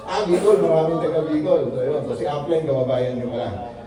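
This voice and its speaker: A man's voice: on the high side, animated, fairly quick, crowd noise. A man from the Philippines giving a joking, storytelling testimony to a seated audience at a business presentation. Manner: joking, storytelling, acts out quoted dialogue. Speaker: invited speaker at a business presentation. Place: large echoey meeting room. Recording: very echoey room, voice from far off.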